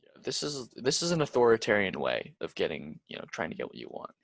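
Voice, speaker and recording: A young man co-hosts a casual podcast, speaking earnestly and filling gaps with frequent restarts. His lowish voice is gravelly, recorded close and dry. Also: wildly swooping pitch, quick pace, fairly bright tone, dry recording. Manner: earnest, full of "you know" restarts. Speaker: podcast co-host.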